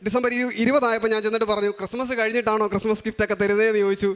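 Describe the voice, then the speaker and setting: Rapid, high-voiced young man's testimony. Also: level tone, a bit bright, clear, resonant tone. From Kerala, India. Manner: earnest storytelling that frames each remark as a quote. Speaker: testimony giver at a shrine. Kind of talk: personal faith testimony.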